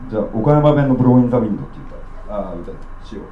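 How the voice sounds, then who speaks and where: A man from Okayama performing his own poetry live, with rough, streetwise declamation. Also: medium pitch, expressive, rapid-fire, roomy sound, narrow, tinny audio, a little hiss or hum. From Okayama, Japan. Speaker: spoken-word poet. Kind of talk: live spoken-word poetry reading.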